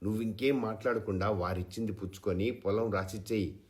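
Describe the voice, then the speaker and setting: A man's voice: lowish voice, fairly even intonation, a little fast, natural voice. A man voicing a pragmatic middleman friend who scolds and persuades. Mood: scolding.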